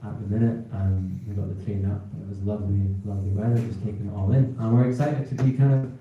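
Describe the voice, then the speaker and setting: A man's voice: on the low side, steady tone, fast, muffled recording, slight background noise. A man with a Hebridean Scottish accent, a folk musician talking casually and a little hesitantly between tunes on stage. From North Uist, Western Isles, Scotland. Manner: hesitant, rambling, informal. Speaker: folk piper introducing his set on stage. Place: indoor concert hall, on stage. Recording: echoey hall, distant live concert pickup.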